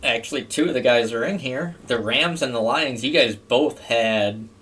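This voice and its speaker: A man's voice: medium pitch, normal speed, fairly bright tone, distant mic. A young man hosting a casual sports podcast, chatty and self-mocking. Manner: chatty, laughs at himself, imitates a play-by-play call. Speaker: podcast host and streamer.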